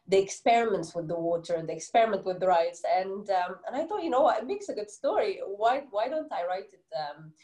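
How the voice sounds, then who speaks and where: Brisk and lively with few pauses, this middle-aged woman from Egypt answers interview questions earnestly in Egyptian-accented English, peppering her speech with "you know." She's a children's book author appearing as a guest, her mid-range voice dark in tone, in an echoey room.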